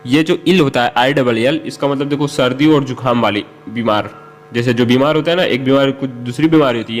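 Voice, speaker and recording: A man teaching English in Hindi, explaining each example and slowing down to say the English sentences. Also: medium pitch.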